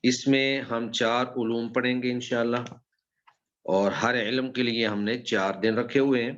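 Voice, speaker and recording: Man teaching slowly in a dull recording. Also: mid-range voice, fairly even intonation, a bit bright. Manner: slow explanatory, stresses example phrases. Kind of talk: classroom lecture on Quran recitation.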